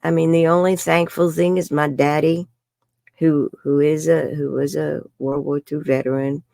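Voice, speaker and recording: Speaking with a low, creaky, dark voice in a level tone at normal speed, this New York woman in her 70s candidly recounts her life as an interview guest. She's frank and chatty, laughs a lot, and uses the word "bloody." The sound is clean studio audio with no echo.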